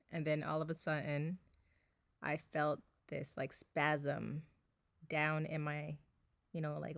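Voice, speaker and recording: Woman in her 30s, vlogger; low, creaky voice, chatty with fillers and laughs, dry close sound. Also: no room sound. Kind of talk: casual personal storytelling. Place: bedroom at home.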